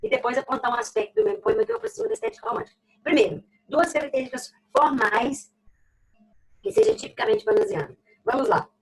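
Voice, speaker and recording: A woman with a Brazilian Portuguese accent teaches a recorded literature class, explaining step by step, repeating key phrases and checking in with "ok?". Her high voice is sing-song, fast and creaky, and the recording quality is low.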